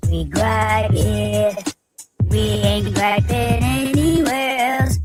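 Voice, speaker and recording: A high, squeaky chipmunk voice chants a short show jingle in a sing-song way. It drawls along slowly while loud music plays under it. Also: male voice. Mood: hyped. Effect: pitched-up chipmunk voice.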